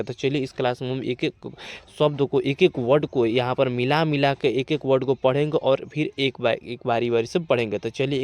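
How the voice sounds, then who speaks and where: A man's voice: medium pitch, dry recording. A man teaching English reading, addressing his students and spelling each word out letter by letter before saying it. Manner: spells words out letter by letter, slowly and loudly; addresses viewers as students, frequent "theek hai". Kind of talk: online reading lesson.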